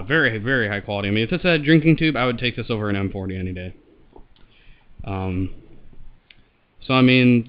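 A man's voice: lowish voice, smooth, muffled recording. A man giving a casual product review while talking through a gas mask.

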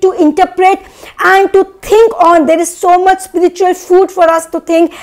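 A young woman from India giving an earnest, emphatic spiritual motivational talk, preachy and repeating phrases to drive points home. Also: very high-pitched. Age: young adult. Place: small indoor room, seated at a desk.

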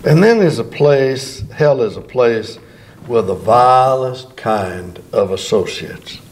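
A man's voice: medium pitch, lively intonation, slow pace, slight background noise. An older man, a pastor, preaching a sermon at a church podium microphone, drawing out words for emphasis. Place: church sanctuary before a bank of flowers.

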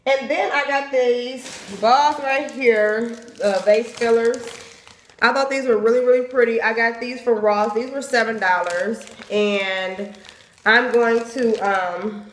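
A woman's voice: fairly high pitch, steady tone, slow pace, slight background noise. Chatty young woman in an echoey bathroom. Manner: chatty, lists items and prices. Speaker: home decor vlogger. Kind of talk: casual haul and home tour. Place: small home bathroom, indoors. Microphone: phone camera at arm's length.

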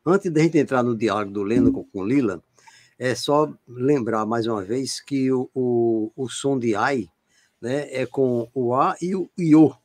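Husky Brazilian man explaining patiently. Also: mid-range voice, unhurried, darkish tone, dry recording. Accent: Brazilian Portuguese. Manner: explains by repeating himself, with examples and checks like "né?" and "entendeu?". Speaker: radio co-host. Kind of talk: casual explanatory chat.

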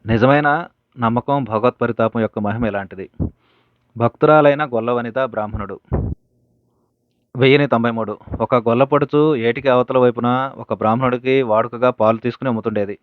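A man reads devotional teachings and tales aloud at an even, steady pace, pausing now and then to correct himself. The audio is thin and narrow like a phone line, with a close, dry sound and no room echo. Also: medium pitch. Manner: steady reading with occasional self-corrections. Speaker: reader of spiritual teachings. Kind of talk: reading a devotional book aloud.

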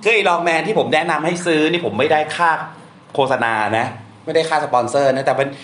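A man's voice: a little high, a little fast, fairly bright tone. A man teaching Thai-to-English translation to a class, blunt and casual, quizzing students and swearing offhand. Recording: echoey room, faint background noise.

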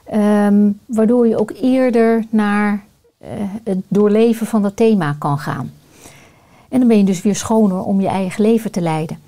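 Mellow-voiced woman coach, thoughtful and searching. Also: medium pitch, moderate pace. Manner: thoughtful, searching for words with many fillers. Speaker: guest, coach and family constellation facilitator. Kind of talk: reflective podcast conversation.

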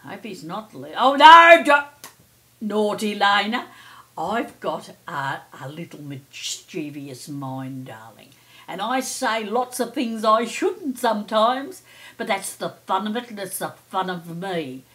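A woman's voice: mid-range voice, expressive, unhurried, fairly bright tone. A middle-aged or older woman hosting a chatty daily horoscope as a psychic, playful, theatrical and effusive, often calling listeners darling. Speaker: psychic and astrology host.

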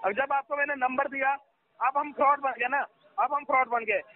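Very high-voiced agitated man on a phone line. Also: moderate pace. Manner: agitated, keeps repeating "listen to me", talks over the other man. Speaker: loan recovery agent. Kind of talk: heated phone argument. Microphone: phone call.

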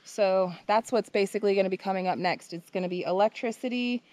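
A woman in her thirties hosting a casual vlog outdoors at a rural building site, upbeat and quick to laugh, filmed on a handheld camera. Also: mid-range voice, a little mellow, no echo. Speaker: vlog host. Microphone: handheld camera at arm's length.

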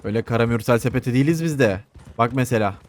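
Talking at a racing pace in a medium-pitched voice, a man jokes his way through casual Let's Play commentary. He swears playfully, answers back to the game's characters, and offers soothing coos to a horse.

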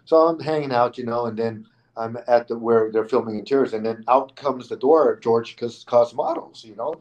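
A man being interviewed on a podcast, telling a lively anecdote in casual speech, often restarting his phrases. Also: mid-range voice, normal speed, lo-fi sound. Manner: animated anecdote teller with frequent restarts, acting out quoted people. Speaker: guest.

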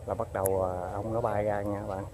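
A man vlogging as he catches bees outdoors, pausing often with fillers and talking to his viewers. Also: fairly low pitch, level tone, noisy background. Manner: halting, many fillers, addresses viewers. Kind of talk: casual outdoor narration. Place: outdoors by a street.

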